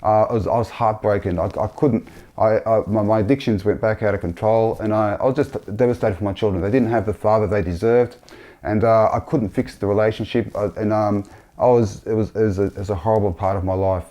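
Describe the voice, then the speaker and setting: A man sharing a personal religious testimony in a halting, earnest way, often repeating himself. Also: on the low side, fairly even intonation, dark tone.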